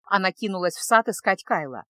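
A woman narrating a fantasy audiobook in an even, measured reading. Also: medium pitch, no room sound, clean studio sound. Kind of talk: scripted narration.

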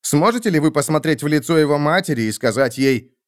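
A man's voice: a little high, expressive, fast, voice pushed up, natural voice. A man voicing a young swordsman in an audiobook, asking pointed, accusing questions.

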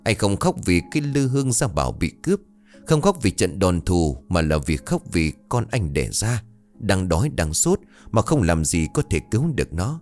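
A man narrating a scripted ghost story in a dramatic, expressive way. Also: low voice, normal speed, faint music behind.

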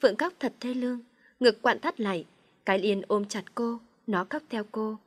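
A woman's voice: fairly high pitch, normal speed. Woman reading a story aloud. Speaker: narrator. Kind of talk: storybook narration.

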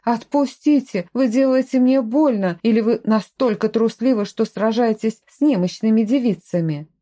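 Woman doing a scared but feisty young heroine in an audiobook, snappy replies, mellow voice. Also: a little high, normal speed, natural voice. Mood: defiant. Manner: sharp, defiant, pleading. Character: frightened but defiant young woman, lost stranger.

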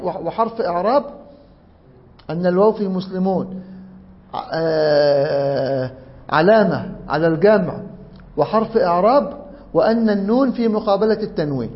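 A man with an Egyptian accent teaching an Arabic grammar lesson, animated and joking, often quizzing his students. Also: high voice, lo-fi sound. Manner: animated, jokey, asks the class questions. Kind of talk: lively classroom grammar lesson.

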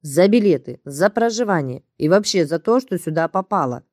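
Gruff bossy guy in an audiobook, talks rude and blunt, woman reading him, dry sound. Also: fairly low pitch, lively intonation, moderate pace, darkish tone, dry recording. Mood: threatening. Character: gruff, crude middle-aged male agency handler.

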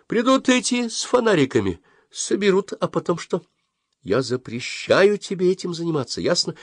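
A man voicing an anxious, scolding mother in an audiobook, pressing and shrill. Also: very animated, moderate pace, no echo, studio quality. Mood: worried scolding. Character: anxious, scolding mother, middle-aged woman. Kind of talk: audiobook character reading.

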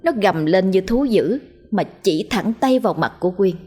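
A woman narrating a ghost story in a steady, dramatic reading. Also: mid-range voice, moderate pace, breathy edge.

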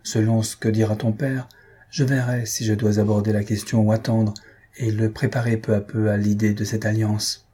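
A husky-voiced man reading aloud, voicing a scheming, self-important middle-aged mother in a storybook. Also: fairly low pitch, flat delivery, moderate pace, warm tone.

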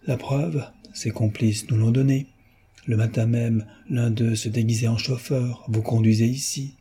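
A man's voice: mid-range voice, steady tone, a little slow, warm tone, close to an everyday voice. A man voicing an eager young amateur detective, insistent and fervent, in a storybook reading. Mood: reasoning.

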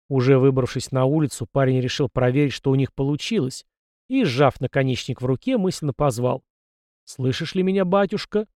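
A man narrating an audiobook in a steady, measured way. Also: medium pitch, no room sound, studio quality. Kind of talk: scripted narration.

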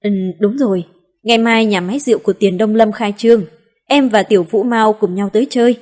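A woman voicing a young man, an easygoing friend, in a calm, even storybook reading. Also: mid-range voice, a little fast, lightly acted. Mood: friendly.

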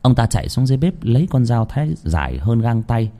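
Mellow, expressive male storyteller. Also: medium pitch, fast. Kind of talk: scripted ghost-story narration.

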